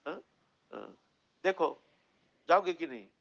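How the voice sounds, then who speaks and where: A man's voice: a little high, animated, takes it slowly, vocal fry, lo-fi sound, full character voice. A man voicing a stubborn young brahmin who pleads and scolds. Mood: pleading. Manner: pleading, then threatening and scolding.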